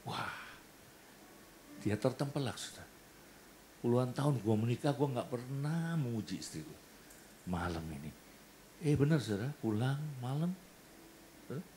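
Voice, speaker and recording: A man with an Indonesian accent preaching a sermon in a church, animated and acting out the people in his stories. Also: mid-range voice, normal speed, long pauses, slight background noise. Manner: animated, acts out quoted voices and jokes. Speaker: pastor. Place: church hall.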